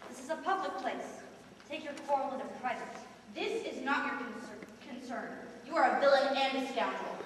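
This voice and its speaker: A woman's voice: a little high, normal speed, few pauses, sharp tone. A woman playing a scornful, hot-tempered young male swordsman in an amateur stage play, heard from a distance in an echoing hall. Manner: sneering, contemptuous. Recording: distant echoey hall, noisy.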